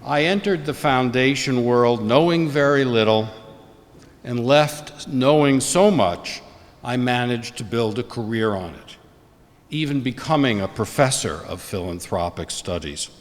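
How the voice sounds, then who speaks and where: Slow-paced older man speaking in a reverberant hall. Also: mid-range voice. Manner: measured, formal, deliberate reading of written remarks. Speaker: eulogist, former colleague and professor. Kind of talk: prepared memorial eulogy.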